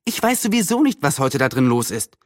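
A man voicing a cheerful, lively young girl in a storybook reading, with eager, quick replies. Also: mid-range voice, no echo, studio quality, natural voice.

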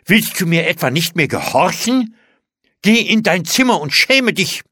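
A man putting on a shrill scolding old aunt. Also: sing-song, a little slow, pushed and bright, husky, no room sound, clean studio sound, heavily acted. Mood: indignant. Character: strict indignant elderly aunt, old woman.

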